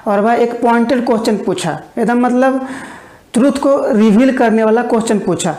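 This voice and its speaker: In an online exam-prep lesson, a woman with a warm, medium-pitched voice teaches English vocabulary. She explains each word, then dictates it slowly and repeats it, and the sound is reverberant.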